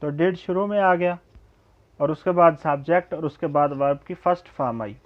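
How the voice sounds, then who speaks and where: A man teaching a spoken English lesson, repeating model sentences slowly and then explaining them quickly in Hindi-Urdu mixed with English. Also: a little high. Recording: dull lo-fi recording.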